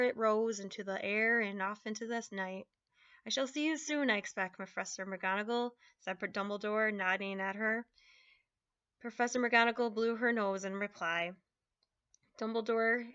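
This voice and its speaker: A woman reads a children's novel aloud in a steady storytelling voice, slipping now and then. Her tone is bright and crisp. The webcam audio is dull and lo-fi. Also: fairly high pitch. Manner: steady read-aloud with occasional slips. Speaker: reader.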